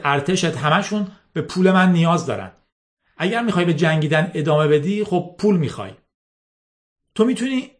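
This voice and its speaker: A man's voice: on the high side, voice pushed up, close to an everyday voice. Male reader as a condescending middle-aged boss in an audiobook. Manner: smooth, condescending, controlling. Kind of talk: audiobook reading.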